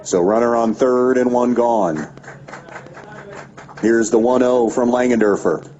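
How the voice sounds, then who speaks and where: Male radio play-by-play voice, warm low tone, steady pitch-by-pitch calls, muffled lo-fi broadcast. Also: unhurried. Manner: steady pitch-by-pitch calling with stats between pitches. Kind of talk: baseball play-by-play commentary. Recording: dull lo-fi radio broadcast with faint background noise.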